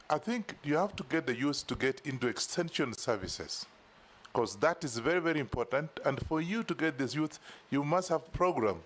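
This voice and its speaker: Kenyan male legislator, mid voice, blunt demands for specifics. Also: mid-range voice. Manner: direct, insistent. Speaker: committee member questioning a nominee. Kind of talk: formal parliamentary questioning.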